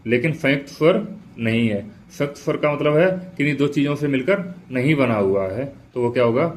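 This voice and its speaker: A man's voice: mid-range voice, a little mellow. A male teacher giving an exam prep lecture, asking questions aloud and answering them himself, repeating each key point.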